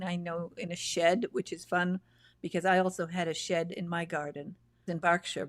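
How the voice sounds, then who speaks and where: Speaking from home in Texas via video call, a female host gushes and reminisces while casually interviewing an author. She has a fairly low-pitched voice, and the audio carries no echo.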